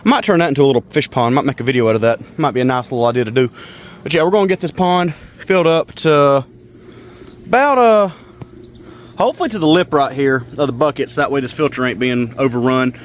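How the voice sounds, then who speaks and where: A man's voice: mid-range voice, a little fast. A man chatting casually as he tends backyard fish ponds outdoors, rambling and narrating each chore. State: out of breath. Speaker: pet keeper vlogger. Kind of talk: casual outdoor pet vlog. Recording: loud backing music over the voice. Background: hip hop music.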